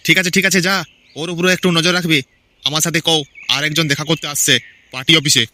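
A man's voice: on the high side, sharp tone. A man voicing a bossy, scheming local political boss in a cartoon. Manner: quick, bossy, talks down to his henchmen. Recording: clear background noise.

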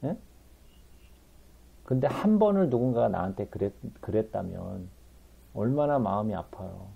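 Gravelly man teaching the Bible, lively pitch. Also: normal speed, narrow, tinny audio. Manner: emphatic, keeps checking in with listeners.

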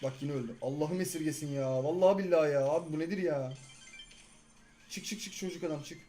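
A young man in his twenties giving live gameplay commentary, excitable and often exasperated at his teammates. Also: on the high side, fast talker, soft background music. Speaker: gaming YouTuber.

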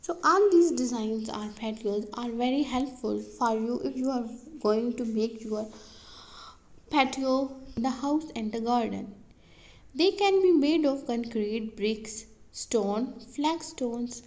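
Woman narrator, slightly high voice, plain read-aloud explainer delivery, occasional slips. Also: a little mellow, low-quality recording. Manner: reads questions and answers like a list, with some slips and restarts.

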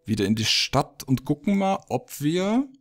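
A man's voice: on the high side, big pitch swings, unhurried, faint music behind. A man giving casual gameplay commentary, thinking aloud and muttering his reactions as he plays. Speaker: let's play gamer.

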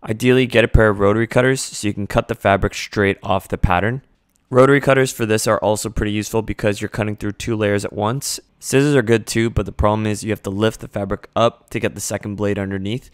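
Casting: man in his 30s, smooth clear voice, a bit low, tutorial host talking through steps casually and steadily. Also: dry recording, studio quality. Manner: casual, steady step-by-step explaining. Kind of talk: instructional voice-over. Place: home sewing studio, indoors. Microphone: studio mic on desk stand.

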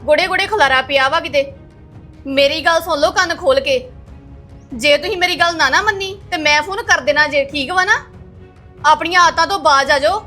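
Woman playing a sharp, bossy young wife. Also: sits high, normal speed, soft background music. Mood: scolding. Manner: scolding, commanding. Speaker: bossy daughter-in-law. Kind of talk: web drama acting.

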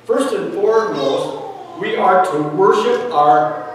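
Man, preacher, high voice, slow deliberate sermon, heard from across a reverberant church hall. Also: expressive. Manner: slow, earnest preaching with frequent pauses and fillers. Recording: echoey church hall, mic at a distance, faint room noise.

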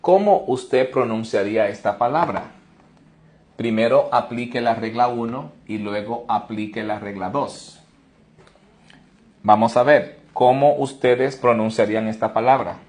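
Slow, deliberate male pronunciation teacher. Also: mid-range voice. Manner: slow, deliberate explanations, warm praise for each viewer. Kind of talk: live online lesson.

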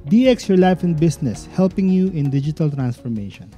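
A man's voice: a little high, expressive, a little fast, mellow, soft background music, pitched above the performer's own voice, close to an everyday voice. A man delivering a short channel intro tagline in an upbeat announcer manner.

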